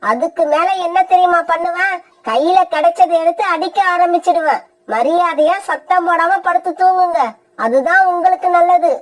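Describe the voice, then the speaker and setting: A woman voicing a harsh, scheming mother crow in a cartoon, sharp-tongued and threatening. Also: extremely high pitch, normal speed. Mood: scolding. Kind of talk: cartoon voice acting.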